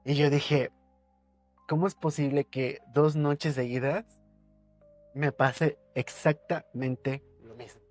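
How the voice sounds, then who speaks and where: Man, podcast guest, suspenseful ghost-story teller who repeats and hushes. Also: fairly even intonation, slow, soft background music. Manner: suspenseful storytelling, repeats words for effect, drops his voice low. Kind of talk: telling a personal ghost story.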